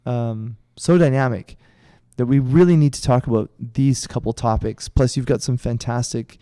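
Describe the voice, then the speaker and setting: A man's voice: medium pitch, normal speed, dark tone, smooth, dry recording, studio quality. A middle-aged man co-hosting a karate podcast, telling a story in a rambling, casual way with restarts. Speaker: podcast co-host, karate instructor. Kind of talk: casual chat.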